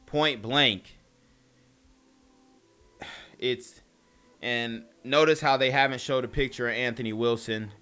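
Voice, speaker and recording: A man's voice: medium pitch, steady tone, slow pace, long pauses, pushed and bright, clean tone. A man hosting a casual opinion commentary, talking bluntly and emphatically in slang into a close mic. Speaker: commentary channel host.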